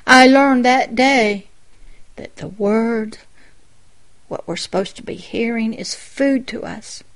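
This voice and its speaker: A woman pastor giving a sermon-style personal testimony, telling the story in a reflective way with quiet asides. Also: a little high, slow.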